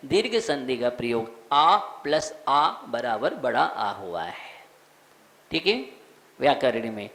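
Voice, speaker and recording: A man, a monk, teaching the recitation of a devotional verse, slowly sounding out each word and asking listeners to repeat. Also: on the high side, fairly bright tone. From India. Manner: slow, repeats words, quizzes listeners; chants verses in a sung tone. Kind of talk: recitation and pronunciation lesson.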